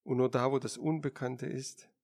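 A man reading a restless man in an audiobook who wants more than comfort, pushing and demanding. The voice has a gravelly rasp to it. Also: medium pitch, fairly even intonation, normal speed, darkish tone, close to an everyday voice. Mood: wistful. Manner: indignant, demanding. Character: restless man, eager for adventure.

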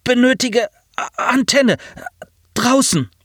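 A faceless cyborg pilot speaks in a thin, very high voice that stays flat and barely modulated. He groans out broken, urgent phrases. The sound is dry and close. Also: slow pace, husky, no echo, full character voice. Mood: strained pleading. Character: injured cyborg pilot, man, faceless, mechanical.

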